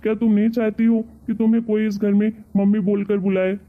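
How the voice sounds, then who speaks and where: A woman's voice: mid-range voice, flat delivery, a little fast, close to an everyday voice. A woman voicing a meek young husband in a cartoon story who coaxes his wife. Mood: coaxing. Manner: coaxing, meek. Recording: tinny phone-like sound.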